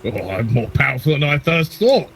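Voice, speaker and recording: A man's voice: on the high side, very animated, fairly quick, creaky, fairly bright tone, breathy edge. A man playing a tabletop game, joking and hesitating as he talks in character. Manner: jokey, hesitant, playful in character. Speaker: player. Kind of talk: tabletop game role-play.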